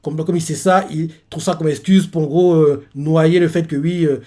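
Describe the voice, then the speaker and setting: A man's voice: fairly high pitch, steady tone, moderate pace, mellow. A man hosting a live reaction, retelling a manga chapter in a rambling way full of fillers.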